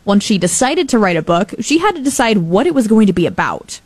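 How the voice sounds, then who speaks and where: A woman reporter narrating a radio news feature with a measured delivery. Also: mid-range voice, sing-song, darkish tone, dry recording.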